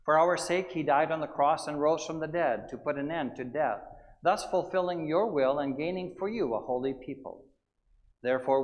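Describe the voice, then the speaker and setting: A middle-aged man, a pastor, solemnly recites church liturgy in measured, formal phrases, with a cathedral-like echo around his voice. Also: on the high side. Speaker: Lutheran pastor. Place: large church sanctuary at the altar.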